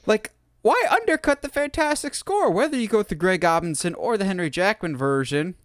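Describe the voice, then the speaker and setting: A man's voice: sits high, animated, brisk, no room sound, clean studio sound. A man hosting a podcast, talking in an enthusiastic, opinionated way in casual chat. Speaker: podcast host.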